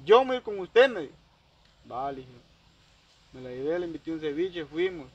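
A man's voice: sits high, wildly swooping pitch, moderate pace, creaky, dull audio, slight background noise. Rambling man telling a story. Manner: rambling, heavy use of quoted dialogue. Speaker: storyteller recounting a personal dispute. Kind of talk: casual storytelling.

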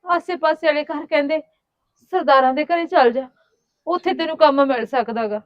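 A woman's voice: high voice, normal speed, dry recording, muffled recording, lightly acted. A woman playing a pleading poor village girl. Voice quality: pleading, plaintive. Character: poor young village woman begging for work. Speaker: poor woman seeking housework.

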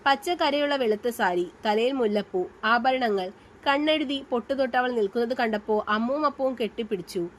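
A woman reads a romance story aloud in a measured, even way, her voice pitched high. A faint hiss sits under the reading. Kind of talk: scripted story narration.

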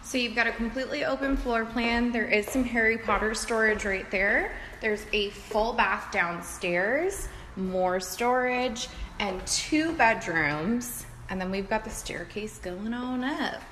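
A woman's voice: fairly high pitch, a little slow, a bit bright. A young woman realtor giving an upbeat, chatty home tour, filmed on a phone held at arm's length in an empty house. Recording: echoey empty rooms, faint noise.

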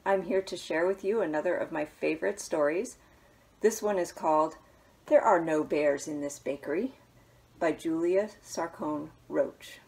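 A children's librarian in her thirties reads a picture book aloud at home in a small living room, gentle and murmuring quiet asides. Her voice is deep and husky with vocal fry, at a moderate pace.

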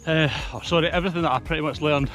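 A Scottish hiking vlogger in his thirties talks rapid-fire to camera out on a mountainside, slightly out of breath in a casual vlog chat. His voice is on the high side, fairly bright and fairly even in intonation. Soft background music plays.

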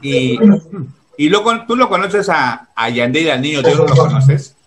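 A man's voice: fairly high pitch, animated, normal speed, fairly bright tone. A man running a casual online interview over a video call, chatty and full of fillers. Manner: chatty, many fillers like "pues" and "este".

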